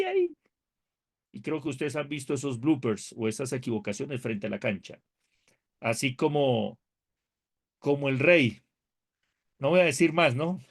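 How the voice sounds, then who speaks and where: Speaking with a fairly high pitch, a male pastor teaches seminary theology with lively, chatty energy. He questions students, jokes around, and lifts his voice emphatically when reading scripture.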